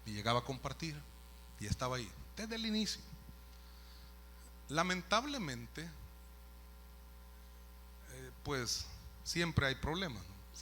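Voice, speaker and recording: A man's voice: mid-range voice, pushed and bright, slight background noise. A man, a pastor telling a story in a sermon, conversational with asides to the listeners. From El Salvador. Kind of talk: sermon testimony.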